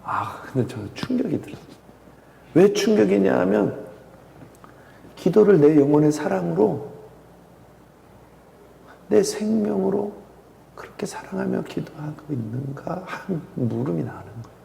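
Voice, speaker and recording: A male pastor preaching a sermon, swinging from loud impassioned pleas to hushed near-whispers. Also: high-pitched, very animated, unhurried, creaky, pauses often, slight background noise. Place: church sanctuary. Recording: echoey church hall with long reverb.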